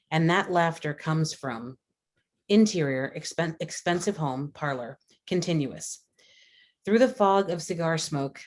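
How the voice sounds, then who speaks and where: A woman with a deep-set voice reads the stage directions at a screenplay table read, narrating the scene headings and action lines.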